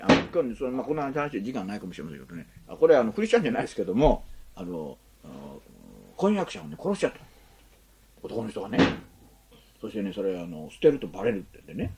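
A man's voice: on the low side, heavy background noise. A man preaching a sermon as pastor, chatty and folksy, often asking the congregation questions and adding little tags.

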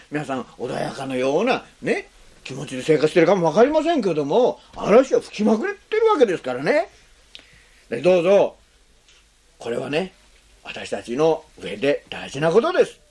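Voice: mid-range voice, wildly swooping pitch, a little mellow, slightly rough. A pastor preaching a sermon, asking the congregation questions and adding frequent tag words between phrases. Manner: slows on key phrases, speeds up when explaining.

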